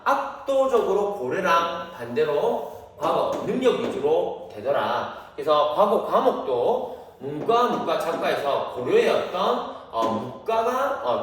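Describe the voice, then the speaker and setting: A man's voice: on the high side, far from the mic. A man teaching a history lesson, who keeps asking the class questions and answering them himself. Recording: echoey room, voice off-mic.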